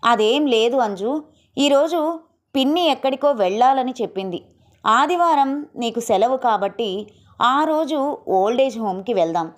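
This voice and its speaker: A woman voicing a remarried father who coaxes his daughter, gentle but hurried and awkward. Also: fairly high pitch, lively intonation. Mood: coaxing.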